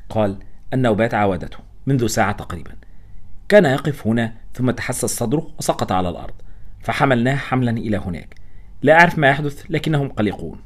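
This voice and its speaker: A man's voice: mid-range voice, expressive, fast talker, lightly acted. A man reading the part of a male hospital doctor who speaks in a grave, matter-of-fact way. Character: hospital doctor, man, bearing bad news.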